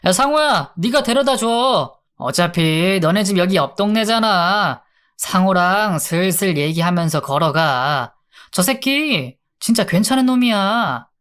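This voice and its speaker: A woman voicing a pushy young friend in a radio drama story, pitched up and egging someone on. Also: animated, unhurried, fairly bright tone. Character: pushy young drinking buddy.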